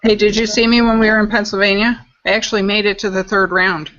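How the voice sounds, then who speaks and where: A bright, chatty woman talks through a hands-on build in a casual live-stream chat. Her voice comes over a dull, lo-fi call line, mid-pitched and upbeat. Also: level tone, fast talker. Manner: chatty, upbeat, explains as she works. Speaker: guest e-juice maker demonstrating coil builds.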